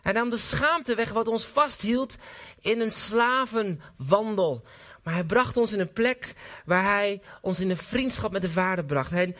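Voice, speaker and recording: A man preaching a sermon in a church service, earnest and emphatic, often pausing with fillers and restarting his sentences. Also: sits high, fairly bright tone.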